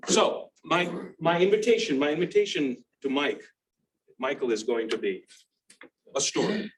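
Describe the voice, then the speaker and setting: A man's voice: on the high side, very animated, normal speed. A man moderating a panel discussion, talking reflectively with repeats and restarts. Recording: distant mic with faint noise.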